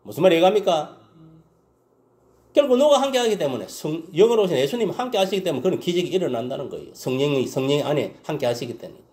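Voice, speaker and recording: A male pastor preaching a Sunday sermon, with a fairly high voice that leaps and drops in a lively way. He peppers his preaching with questions like "understand?" and "right?", and he swings from loud exclamations down to low mutters. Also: quick pace. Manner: keeps asking the congregation "understand?" and "right?".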